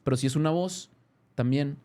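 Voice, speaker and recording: A man in his thirties with a Mexican accent, a guest in a casual interview, telling a story in an animated way with many restarts and self-corrections. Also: mid-range voice, moderate pace. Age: 30s.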